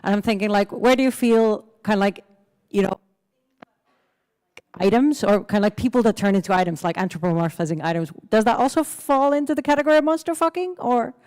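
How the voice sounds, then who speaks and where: A woman's voice: mid-range voice, a little fast, a little mellow, clean tone. A woman in a convention audience asking a friendly, slightly hesitant question. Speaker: audience member.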